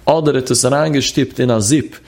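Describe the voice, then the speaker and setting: A man's voice: mid-range voice, brisk, gravelly, a little mellow. Man in a sing-song study lesson. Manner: sing-song study chant, reading phrases then explaining. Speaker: religious teacher. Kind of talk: chanted text study lesson.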